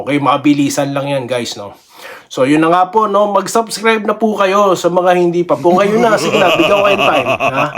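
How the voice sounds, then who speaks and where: This is a man hosting a casual basketball vlog, his voice sitting a little high for a man. He rambles in a friendly way, laughs often and keeps tossing little tag questions at his viewers. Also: a bit bright. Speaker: basketball vlogger. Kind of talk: casual sports commentary vlog.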